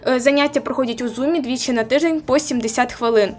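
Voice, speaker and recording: A woman's voice: sits high, fast, darkish tone. A woman with a Ukrainian accent teaching a grammar lesson for an exam, explaining each rule step by step and giving examples. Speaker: Ukrainian language tutor.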